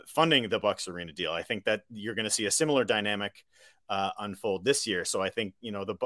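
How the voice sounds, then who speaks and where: An American man, a journalist being interviewed, giving conversational political analysis in a measured, explanatory way. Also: on the low side, a bit bright, no echo, studio quality. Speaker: independent journalist, interview guest.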